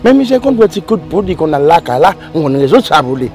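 An actor playing a boastful man who claims to work miracles for pay, talking in an excited, insistent way. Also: on the high side, fast talker, soft background music. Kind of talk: amateur drama acting.

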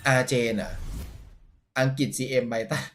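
A young man hosting a mobile football game stream and opening player packs, given to loud outbursts and swearing at each reveal. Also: normal speed, a little hiss or hum. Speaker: gaming streamer host. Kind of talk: excited pack-opening commentary.

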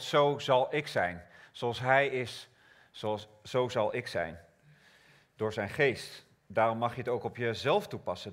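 A man preaching a sermon, slow and prayerful, rising to loud emphatic scripture reading. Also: mid-range voice.

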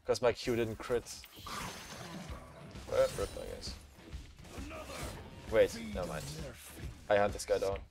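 A man streaming a game on a headset mic, reacting with excitable swearing and laughter. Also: on the low side, takes it slowly, pauses often. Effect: livestream headset mic audio. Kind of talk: live gameplay commentary. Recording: streamed voice with game music behind. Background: game music.

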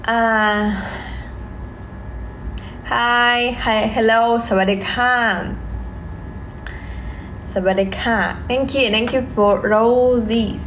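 A young Russian-accented woman chats on a phone livestream from her home, thanking viewers over and over. Her voice sits a little high and her English comes slowly, broken up by fillers. A faint hum of room ambience lies underneath. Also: steady tone, fairly bright tone. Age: young adult. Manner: slow halting English with many fillers and repeated thanks. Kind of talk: live stream chat reading viewer comments. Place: home, indoors, small room. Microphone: phone at arm's length.

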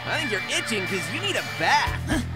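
A cocky young hedgehog hero from a video game. He is brash and teasing, with a high, bouncy delivery over loud music. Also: very animated, moderate pace. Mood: taunting. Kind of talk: video game cutscene acting.

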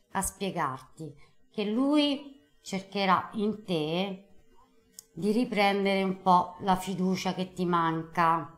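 A woman's voice: on the low side, a bit bright. A middle-aged woman hosting a live call-in card reading, emphatic and affectionate, using endearments. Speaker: host, tarot card reader. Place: TV studio. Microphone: lapel mic.

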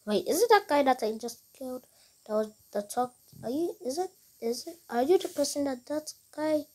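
A woman chatting casually over a game, rambling and repeating herself with halting restarts. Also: high voice, mellow.

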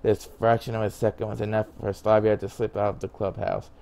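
A man's voice: lowish voice, little pitch movement, fairly quick, vocal fry, dark tone. A man reading a visual novel aloud, who stumbles over words, restarts them, and mutters asides to himself. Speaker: game narrator.

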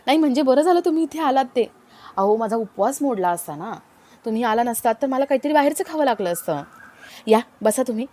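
A shy young man stumbles over excuses and repeats himself defensively, with a woman reading the role. The tone is a little high and sheepish. It is told as a storybook tale. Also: expressive, brisk, warm tone. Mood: flustered. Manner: hesitant, defensive replies. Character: bashful young man, fibbing and flustered.

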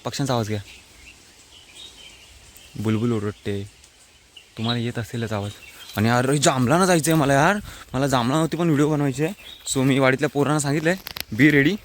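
A young man from the Konkan region of India walks through forest and fields outdoors, narrating a casual vlog to his viewers on a phone camera. His medium-pitched voice holds a steady tone and runs a little fast, with long pauses and slight background noise. He's chatty, mixes in English words, and talks straight to the people watching.

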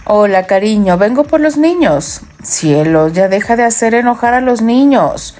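A woman's voice: on the high side, lively intonation, normal speed, close to an everyday voice. A woman voicing a motherly middle-aged grandmother who cares for the children. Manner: warm, motherly.

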